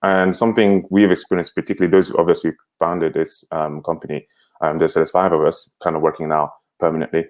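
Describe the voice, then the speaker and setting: A young man in his twenties from Cameroon talks as a livestream guest. His voice is very low, and he speaks in a relaxed, easy way with frequent chuckles. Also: a little fast. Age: 20s. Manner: relaxed, conversational, chuckles often. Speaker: guest, company co-founder. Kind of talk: livestream interview.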